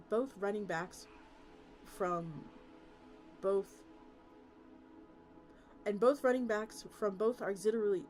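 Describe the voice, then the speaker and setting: Reading a story expressively on stream, a VTuber woman uses a mid-range voice with a darkish tone. Background music accompanies her, and she occasionally stumbles and goes back over lines.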